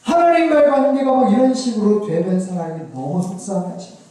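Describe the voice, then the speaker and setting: A male pastor giving a Bible lecture, animated and asking the audience rhetorical questions. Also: high voice, fast talker. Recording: very echoey hall, distant mic.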